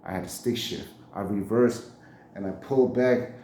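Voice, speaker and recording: A man of about forty, a channel host, tells a story in casual slang, laughing often and acting out what people said. His voice is lowish and dark, at a moderate pace, with slight background noise and a roomy echo.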